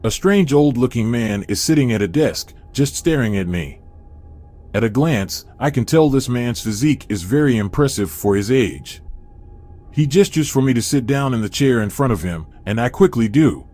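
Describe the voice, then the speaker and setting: A man reading a scripted first-person horror story in a steady, measured way. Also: medium pitch. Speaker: narrator.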